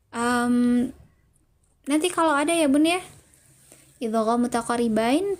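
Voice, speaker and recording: A woman's voice: sits high, darkish tone. A woman teaching Quran recitation in an online lesson, patiently explaining step by step and reading out viewers' answers. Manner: patient, explains step by step, reads chat names aloud.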